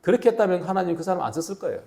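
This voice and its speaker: Middle-aged male pastor, sermon delivery, lively rising-and-falling pitch, gravelly edge. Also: brisk. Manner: animated storytelling, rhetorical questions. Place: church sanctuary.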